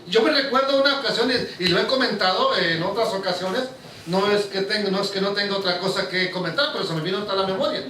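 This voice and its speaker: High, bright-voiced preacher. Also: male voice, fast, slight background noise. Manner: emphatic, quizzes the congregation with questions. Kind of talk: sermon to a congregation. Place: church hall. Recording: echoey room, mic far off.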